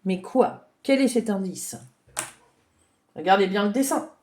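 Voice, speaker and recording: A woman giving a gentle, chatty drawing lesson for children, thinking aloud as she tells a story. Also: medium pitch, expressive, a little slow, slight background noise.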